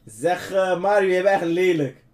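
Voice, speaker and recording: A man's voice: high-pitched, fairly even intonation, moderate pace, darkish tone. A young man in casual, slangy, teasing banter as a streamer on a random video chat. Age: young adult. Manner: teasing, blunt. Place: small room indoors. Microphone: gaming headset. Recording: noisy webcam stream with clicks.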